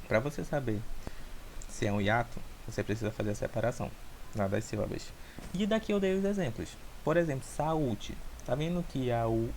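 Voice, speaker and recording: Brazilian man, mid pitch, patient teaching delivery, faint noise. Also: a little mellow, poor audio. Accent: Brazilian Portuguese. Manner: patient, repeats points, checks in with listeners. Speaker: student teacher. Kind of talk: recorded class presentation.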